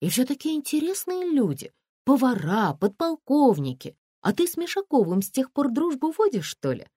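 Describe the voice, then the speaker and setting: A woman's voice: high-pitched, very animated, moderate pace, warm tone, husky, no room sound, studio quality, voice pushed up, exaggerated voice. A woman voicing an impulsive young wife who protests earnestly. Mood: indignant.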